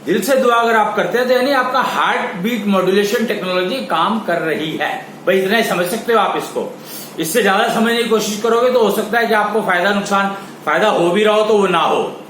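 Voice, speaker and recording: High-voiced man lecturing slowly in echoey room. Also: fairly bright tone. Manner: slow, halting explanatory delivery with pauses. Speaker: teacher. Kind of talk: spiritual lecture. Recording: echoey room with faint ambient noise.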